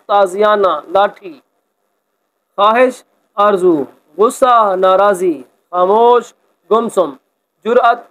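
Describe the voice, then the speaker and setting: A man teaching a school lesson, explaining a textbook exercise and reading example sentences slowly with expression. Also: sits high, a bit bright, rough recording.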